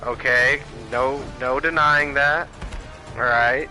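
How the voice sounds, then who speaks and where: A man's voice: mid-range voice, fairly even intonation, takes it slowly, pushed and bright. A man ranting casually and profanely while streaming a video game. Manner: profane, rambling, heated. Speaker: gaming streamer. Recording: music playing clearly behind the voice.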